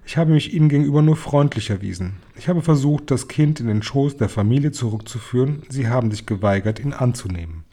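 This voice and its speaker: A man voicing an older grandmother who stays calm and quietly mischievous. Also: mid-range voice, fairly quick, hardly any pauses. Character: calm, sly old grandmother.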